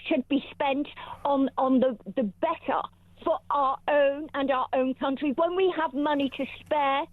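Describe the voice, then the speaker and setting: High-pitched indignant woman radio caller on a tinny phone line. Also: unhurried, no echo. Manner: indignant, emphatic.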